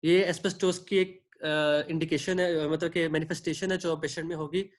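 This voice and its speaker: A man's voice: fairly high pitch, steady tone, moderate pace. A man teaching an online medical class, explaining at length and checking in often with his students. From Pakistan. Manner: explanatory, checks in often with "theek hai", asks students for questions; clears his throat now and then. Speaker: medical lecturer. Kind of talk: online lecture mixing Hindi-Urdu and English.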